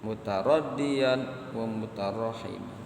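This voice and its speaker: Slow, echoey male preacher. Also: fairly low pitch, creaky, darkish tone, a little hiss or hum. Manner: slow, repeats phrases, chants Arabic passages. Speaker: Islamic preacher. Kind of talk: sermon. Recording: echoey hall, faint ambience.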